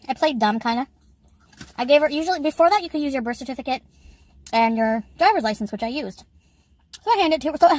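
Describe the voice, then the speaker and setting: A woman chatting casually in an eating vlog, telling a story and giggling often as she talks. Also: fairly high pitch. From Canada. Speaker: YouTuber.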